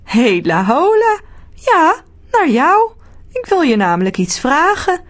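A woman's voice: sits high, huge pitch swings, slow, voice pushed up, full character voice. A woman voicing a small, cheerful man who lives in the clouds and calls out a sing-song greeting.

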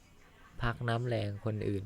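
A man's voice: unhurried, lightly acted. A man voicing a harsh middle-aged male boss in a fan-dubbed cartoon, talking in a scornful, insulting way. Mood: scolding. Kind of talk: Thai fan dub of an animated series.

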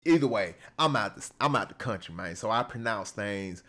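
A man's voice: lowish voice, expressive, moderate pace, bright, forceful tone. A man from the American South with a Southern accent, chatting casually to viewers in a film reaction, full of fillers and restarts. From Southern United States. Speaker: movie reaction streamer.

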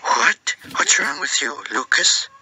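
A woman voicing a loud, deep-voiced male imaginary co-star in a homemade puppet comedy, explaining insistently. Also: big pitch swings, takes it slowly, background noise, heavily acted.

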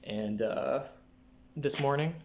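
A man's voice: mid-range voice, takes it slowly, darkish tone, muffled recording. Young man, casual, faint background noise. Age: young adult. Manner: frequent throat clearing. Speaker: vlogger giving a personal health update. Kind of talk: casual talk to camera. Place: small living room, indoors. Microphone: phone or camera at arm's length.

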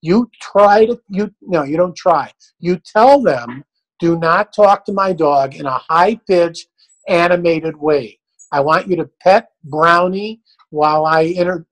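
Blunt, plain-spoken older dog trainer. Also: male voice, high voice, measured pace, poor audio. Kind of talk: answering questions in an interview.

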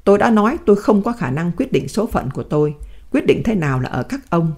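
A woman voicing a dignified old male prisoner who speaks in firm, measured sentences. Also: medium pitch, sing-song, darkish tone.

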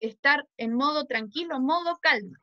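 A woman's voice: high-pitched, slow, pushed and bright, no room sound, lo-fi sound. A woman with a Chilean Spanish accent teaching preschoolers, coaxing them with questions. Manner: coaxing, asks the children questions. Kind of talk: class for small children.

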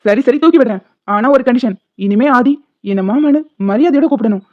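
A woman's voice: on the high side, a little fast, dry recording, lightly acted. Woman voicing a smug gloating principal. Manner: mocking, gloating. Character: smug teasing male college principal, petty and playful. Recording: tinny phone-like sound.

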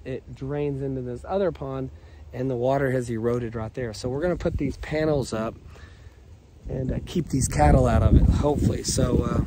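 A man's voice: medium pitch, warm tone. A man with a scratchy voice from a cold, casually explaining fence repairs outdoors on his rural property. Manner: easygoing, explains work step by step. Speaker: ranch vlogger. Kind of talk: casual outdoor vlog narration. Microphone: camera-mounted action cam.

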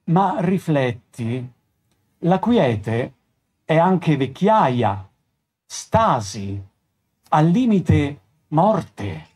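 A gentle old sage, as voiced by a man reading aloud, speaks in an unhurried, fatherly way. His words come soft and measured, like a patient preacher counseling someone in a fairy tale. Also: fairly high pitch, very animated, heavily acted. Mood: gentle consoling.

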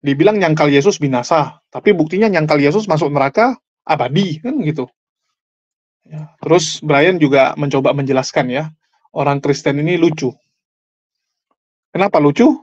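A man's voice: on the high side, normal speed, long pauses, a little mellow, dry recording, muffled recording. A man commenting on a debate clip in an explanatory, argumentative way. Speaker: Islamic preacher commenting on a clip.

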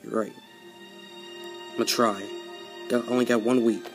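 A man voicing a worried male race car hero in a homemade toy story, hesitant and quick to shout. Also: medium pitch, little pitch movement, music in the background, natural voice.

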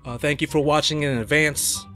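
A man's voice: fairly high pitch, fairly even intonation, moderate pace, sharp tone, faint music behind. A man vlogger rambling through a casual outro, correcting himself and chuckling.

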